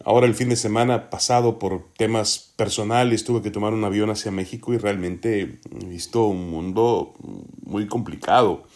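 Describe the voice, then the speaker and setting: Male sports commentator, fairly low register, serious opinion delivery, measured and emphatic. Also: fairly even intonation, a little mellow. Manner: earnest, deliberate, emphatic. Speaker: sports podcast host.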